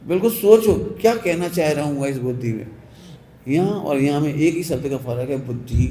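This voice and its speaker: A man giving a sermon as a Jain preacher, speaking slowly and emphatically and repeating key phrases to drive them home. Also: mid-range voice, warm tone, a little hiss or hum. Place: large hall. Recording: echoey hall, faint ambience.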